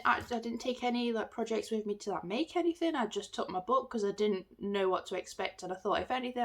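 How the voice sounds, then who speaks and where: An English woman with a bunged-up, swollen-throat sound, chatting casually and ramblingly to her phone as a self-deprecating vlogger. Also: fairly high pitch. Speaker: artist and craft market seller vlogging. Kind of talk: casual chat to camera. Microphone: phone filming.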